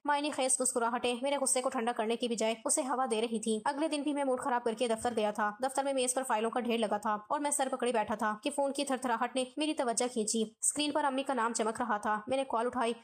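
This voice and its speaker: A woman reading a scripted first-person family drama story at a steady, even pace. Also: fairly high pitch, few pauses.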